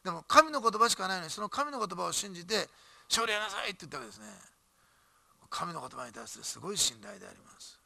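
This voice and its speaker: A man preaching a sermon in church as pastor, animated and emphatic, with jokes and asides. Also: high-pitched, fast, gravelly, dry recording.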